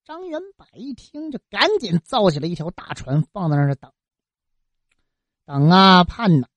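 A woman tells an old folk tale with a lively, colloquial manner. She throws in interjections and little sound effects, and her pitch swings widely. Her voice sits a little low, and the sound is close and dry. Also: normal speed, no room sound. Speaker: storyteller.

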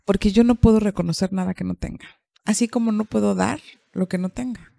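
A woman psychologist, calmly explaining and asking rhetorical questions in a podcast conversation. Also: medium pitch, a little fast, creaky, no echo, studio quality. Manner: calm, explanatory, asks herself rhetorical questions.

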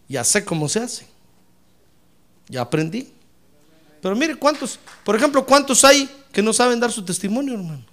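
High gravelly preacher guy, swoops up and down a lot, keeps asking the church questions. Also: a bit bright. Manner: preachy, addresses listeners as brother with rhetorical questions. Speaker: pastor. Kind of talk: sermon.

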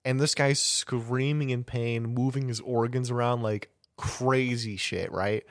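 A man's voice: mid-range voice, steady tone, unhurried, no echo, studio quality. A young man chatting casually as a podcast co-host, rambling through a story with restarts and bursts of laughter. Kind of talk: casual chat.

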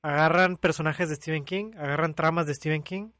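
A young man with a Mexican accent telling an animated, laugh-filled story in casual podcast chat. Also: a little high, a little fast, no echo. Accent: Mexican Spanish. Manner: animated storytelling, laughs often, acts out voices. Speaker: podcast co-host. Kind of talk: casual chat among friends.

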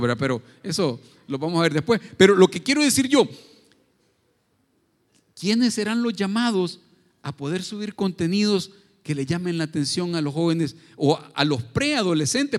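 A man preaching a sermon in a conversational way, often asking for agreement and restarting his phrases. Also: sits high. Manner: conversational, frequent tag questions and restarts. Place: church. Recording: long reverb of a church hall.

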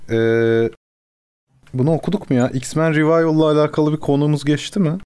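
A man's voice: fairly high pitch, steady tone, brisk, darkish tone, clean tone. A man hosting a casual podcast chat, bringing up topics and arguing his opinions. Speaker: podcast host.

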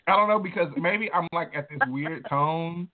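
A man chats casually as a podcast co-host over a thin, phone-like connection. His voice sits somewhat high for a man and cracks as he speaks. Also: normal speed, over a noisy crowd. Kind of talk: casual chat. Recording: thin phone-line sound.

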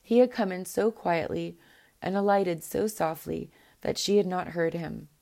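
A woman reads a fairy tale aloud in a low, mellow voice. Her telling is measured and steady, with an occasional small restart. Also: vocal fry. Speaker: narrator. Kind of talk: scripted narration of a fairy tale.

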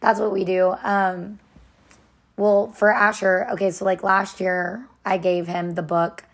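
A young woman co-hosting a podcast in casual chat, loud and chatty, her voice slightly hoarse from tiredness. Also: mid-range voice, flat delivery, unhurried. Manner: loud, chatty, lots of fillers. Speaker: podcast co-host.

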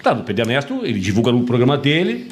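A man's voice: medium pitch, very fast. A man in his sixties with a Gaúcho accent, a sports radio journalist telling teasing anecdotes in casual chat. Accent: Gaúcho Brazilian Portuguese. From Pelotas, southern Brazil. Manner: animated anecdotes, teasing, laughs at his own stories.

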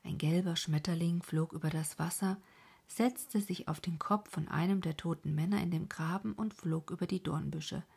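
A woman's voice: fairly low pitch, moderate pace, gravelly, a little mellow, husky. A woman narrating a historical novel as an audiobook, often dropping to a half-whisper.

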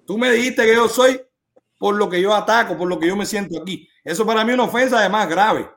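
Man, high voice, insistent, lecturing, argumentative host. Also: quick pace, fairly bright tone. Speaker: host of a live stream. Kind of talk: live stream debate with a caller.

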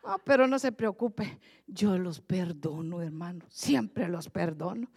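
A woman pastor preaching a lively sermon, switching from quiet asides to loud, rising exhortation. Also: fairly low pitch, measured pace, husky, long reverb tail. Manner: animated, swings from soft asides to loud preaching.

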